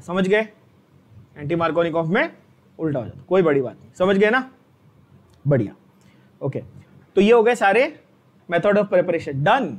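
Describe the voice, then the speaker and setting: A man with a fairly high voice teaches an exam-prep chemistry lesson. He keeps the class on its toes, asking the same question twice and pushing students to answer out loud. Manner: drills students with repeated questions; energetic, coaxing.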